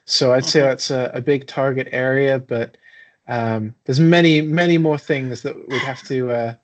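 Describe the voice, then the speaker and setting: A man's voice: mid-range voice, steady tone, unhurried. Easygoing man talking as a webcast guest. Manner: easygoing, chatty. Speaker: guest, software company representative. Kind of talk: casual interview chat.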